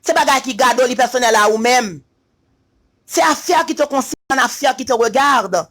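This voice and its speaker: A Haitian-accented man holds forth in an emphatic, repetitive online rant. His voice sits very high and sounds bright and sharp. Now and then he chants his points in a sing-song way. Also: moderate pace. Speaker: social media commentator. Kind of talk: opinion rant to camera.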